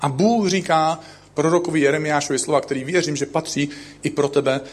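Lively man preaching with self-mocking humor. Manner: self-deprecating, jokey storytelling; lively swings between loud highs and low asides. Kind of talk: sermon with humorous personal stories.

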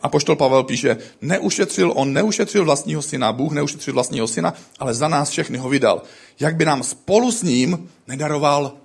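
A man's voice: fairly high pitch, creaky, slightly rough. A man preaching a sermon, telling stories with acted-out quotes. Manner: animated storytelling with acted quotes.

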